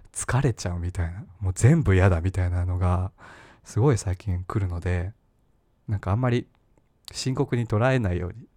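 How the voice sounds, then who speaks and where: A man's voice: on the low side, a little mellow, no echo. A man hosting a podcast on his own, rambling and self-mocking with lots of fillers. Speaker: podcast host. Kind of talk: casual solo podcast talk.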